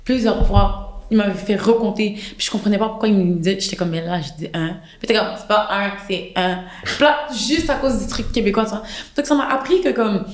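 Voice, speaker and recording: Young woman in her twenties, Quebec French accent, quick and animated chat, roomy echo. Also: medium pitch. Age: 20s. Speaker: podcast guest. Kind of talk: casual chat.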